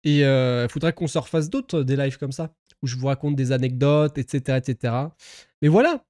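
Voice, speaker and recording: A man's voice: mid-range voice, brisk, a little mellow, no room sound, studio quality. A young man chatting casually on a live stream, rambling with many fillers, swearing and laughing at himself.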